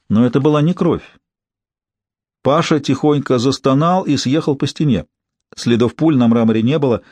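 Brief: male audiobook narrator, measured delivery, mid pitch, dry close recording. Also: no room sound. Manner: steady, measured storytelling. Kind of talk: scripted narration.

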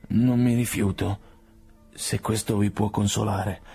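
A man reading the part of a dying young man, speaking quietly and slowly in a weary, sardonic way. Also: lowish voice, steady tone, gravelly.

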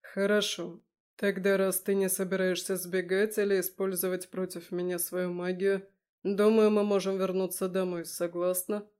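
A woman voicing a deep, grave male dragon. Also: little pitch movement, darkish tone, natural voice. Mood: calm. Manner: low, slow and measured. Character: male dragon husband, deep-voiced, stern then tender. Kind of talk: audiobook character reading.

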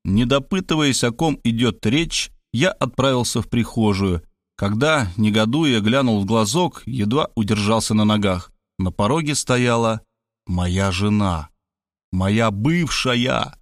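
A man's voice: fairly low pitch, a little slow, no room sound. Man narrating an audiobook, dry sound. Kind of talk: first-person audiobook narration.

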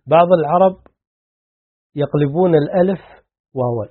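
A man, a sheikh, calmly explaining hadith to a class and checking that they follow. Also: on the high side, normal speed. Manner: calm, explanatory, asks the class "clear?". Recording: tinny lo-fi lesson recording.

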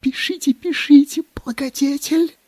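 A man's voice: very high voice, steady tone, a little slow, a little mellow, no echo, voice pushed up. A man voicing a fawning court secretary who gushes about food, with a wheedling, savoring manner and dropping into whispers. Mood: whispering eagerly. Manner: wheedling, savoring every dish, slips into whispers.

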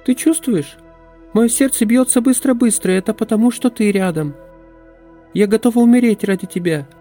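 Audiobook: male reader plays a desperate young forest woman, high and breathless. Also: moderate pace, mellow, soft background music, lightly acted. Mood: pleading. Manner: pleading, breathless, intense.

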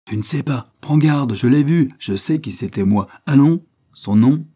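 A man voicing a gruff, commanding detective. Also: lowish voice, lively intonation, moderate pace, dark tone. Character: tough male Japanese detective, commanding.

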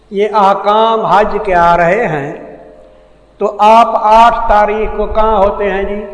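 A man from Pakistan giving a Quran commentary lecture, explaining verse by verse and putting questions to his listeners. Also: sits high. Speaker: Quran teacher. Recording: echoey hall recording.

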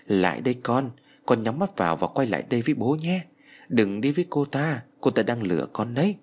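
A man reading the lines of a gentle ghost father who urgently calls his daughter away from danger. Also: medium pitch, sing-song, fairly quick. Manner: urgent, protective.

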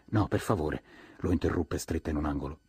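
A man's voice: a bass voice, brisk, warm tone, husky, no room sound. A man reading a novel aloud as an audiobook, acting out the characters' lines with a raised voice. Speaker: audiobook narrator.

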